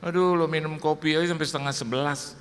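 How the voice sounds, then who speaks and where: God talking blunt slang, as a pastor puts him on. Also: male voice, fairly high pitch, steady tone, quick pace, slight background noise, close to an everyday voice. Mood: teasing. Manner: casual, teasing. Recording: echoey hall reverb.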